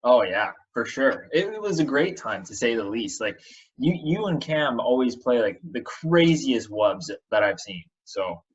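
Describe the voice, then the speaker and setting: Male host, easygoing, agreeable, mid pitch, dull lo-fi audio. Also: sing-song, a little slow. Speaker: radio host. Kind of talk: casual interview chat.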